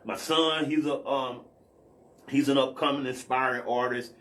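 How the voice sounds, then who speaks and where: In a laid-back podcast chat, this man in his 40s, an R&B artist from Athens, Georgia, US, rambles on, frequently stopping to check in and saying "you know what I'm saying." His voice is mid-range, steady and fairly bright, delivered at a moderate pace.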